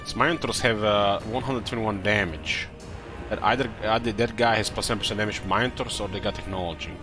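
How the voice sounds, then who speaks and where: Casual male gamer commentator, lower register, halting think-aloud delivery, clear music underneath. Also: steady tone. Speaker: gamer commentating own play.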